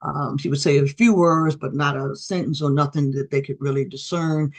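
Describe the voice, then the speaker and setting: A middle-aged woman giving a storytelling presentation as a guest speaker over a video call, lively and acting out the voices of the people in her stories. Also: low voice, moderate pace. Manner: animated, acts out quoted voices.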